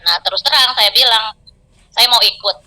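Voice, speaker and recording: A middle-aged woman recounts her own hardships in a heartfelt testimony, acting out the voices of others in her story. Her voice is very bright and sits a little high. The sound is thin and tinny, like a telephone recording. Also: moderate pace. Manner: emotional, storytelling with quoted dialogue. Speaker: business success story guest. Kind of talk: personal testimony.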